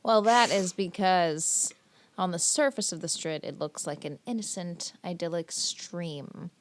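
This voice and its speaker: A woman's voice: fairly low pitch, unhurried, a little hiss or hum. A woman co-hosting a podcast in casual chat, giggly and playful. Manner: giggly, playful, teasing dramatic intros. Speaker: podcast co-host.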